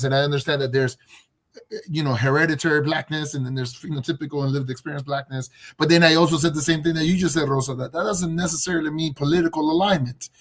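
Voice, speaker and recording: A man from Colombia, a guest on a video call, telling his story in a reflective, casual way with many fillers and restarts. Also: mid-range voice.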